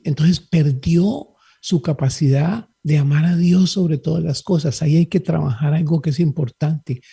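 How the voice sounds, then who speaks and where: Gravelly, husky man preaching earnestly. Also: on the high side, warm tone. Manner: earnest, preaching, questioning listeners. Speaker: guest speaker.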